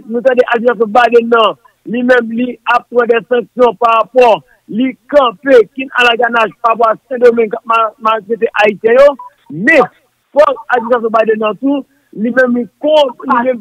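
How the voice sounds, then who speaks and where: A man's voice: very high-pitched, a bit bright, dry recording. A man talking politics on a call-in show, repeating himself and speeding up as he stumbles over words. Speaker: political commentator. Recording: dull, dry lo-fi audio.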